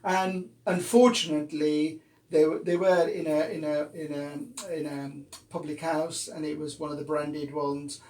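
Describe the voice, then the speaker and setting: A man's voice: fairly high pitch, a little slow, roomy sound, recorded from a distance. A man hosting a community radio talk show, talking casually and often repeating words as he restarts his sentences. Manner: repeats words and restarts often, animated when stressing points.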